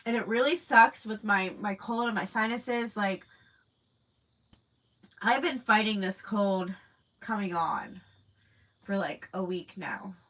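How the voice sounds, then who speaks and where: The recording is rough as a livestream host in her thirties talks slowly, with long pauses, through viewer comments. Her medium-pitched voice has a fairly bright tone and sounds stuffy from a cold. She rambles casually, using many fillers.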